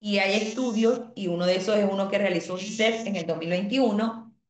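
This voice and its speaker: A woman teaching an online class at an even, middling pitch. She explains calmly and reads out her students' comments. The room sounds echoey. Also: fairly quick. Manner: asks the class rhetorical questions.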